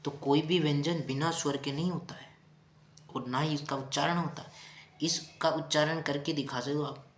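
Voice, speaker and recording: A man's voice: on the high side, steady tone, moderate pace. A male teacher giving a grammar lesson, patiently repeating key terms and asking his students rhetorical questions. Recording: roomy echo.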